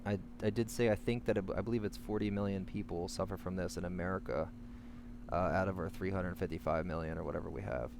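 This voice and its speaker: An anxious vlogger, mid-panic attack, stands outside and offers personal tips on getting through panic, speaking candidly to the camera. His low voice holds a steady tone, but he halts, rambles and keeps correcting himself. A loud hum fills the noisy recording.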